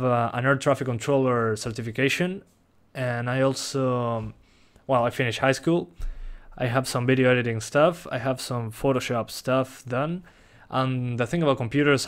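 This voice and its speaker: A young Uruguayan man, a native Spanish speaker with a Rioplatense accent, casually reads out and answers chat questions on a live stream. His mid-range male voice has a clean tone, and he stays relaxed, chuckling often.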